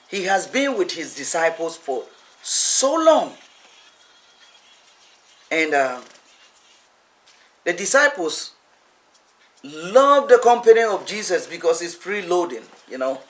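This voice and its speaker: A man's voice: high voice, fairly bright tone. A man preaching a teaching sermon, speaking emphatically and repeating phrases for effect.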